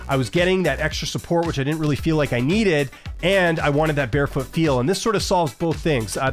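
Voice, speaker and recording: A man in his thirties giving a casual shoe review from a home studio, talking into a boom-mounted studio mic with plenty of ums and uhs. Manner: chatty, frequent ums and uhs, shows items to camera. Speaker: vlogger reviewing shoes. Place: home studio room with posters. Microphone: large studio mic on boom arm.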